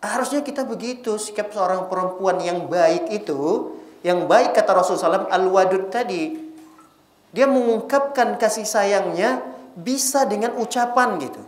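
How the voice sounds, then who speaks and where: A male Islamic preacher giving a casual, lively sermon to a women's audience, often teasing them with rhetorical questions. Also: high voice, moderate pace, echoey room.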